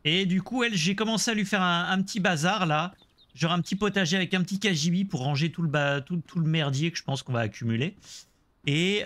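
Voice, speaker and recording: Chatty man streaming a game, higher voice. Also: fairly bright tone, no echo. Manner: chatty, joking, talks to chat viewers. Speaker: Let's Play streamer. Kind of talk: casual gameplay commentary.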